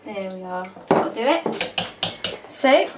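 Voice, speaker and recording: Speaking slowly and animatedly in a mid-range voice, this vlogger in her thirties gives a casual cooking demonstration, chatting as she works in her kitchen at home. The sound comes from a distant camera mic, so the room echoes, there is noise, and pots and utensils clatter.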